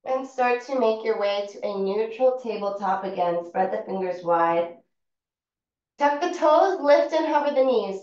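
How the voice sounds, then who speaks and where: A woman teaching a yoga class, calmly and steadily talking students through each movement. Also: a little high. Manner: calm, unhurried cueing of movements. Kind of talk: guided yoga class instruction. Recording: far-off, echoey, dull-sounding room recording.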